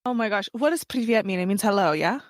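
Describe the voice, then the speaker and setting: A woman's voice: mid-range voice, lively intonation, fast, no echo. An American woman hosting a podcast in a casual, bubbly interview chat, laughing often and acting out the voices she quotes. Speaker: podcast host.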